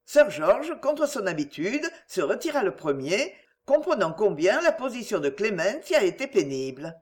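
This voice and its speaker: This audiobook of a classic novel is narrated by a woman with a medium-pitched voice. Her storytelling is expressive yet measured.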